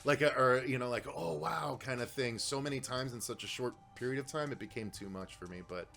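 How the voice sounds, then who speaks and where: A man's voice: medium pitch, quick pace, fairly bright tone, faint music behind. A man co-hosting a casual movie review chat, rambling with lots of fillers and restarts. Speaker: co-host of a horror movie review show.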